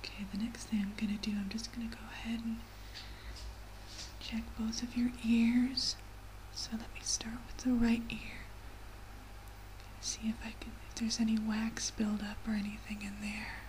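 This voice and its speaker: A woman in a soft, breathy whispered role-play as a medical examiner, giving gentle, reassuring instructions. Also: on the high side, little pitch movement, moderate pace, rough recording. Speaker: ASMR performer playing a medical examiner. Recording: clearly audible background noise.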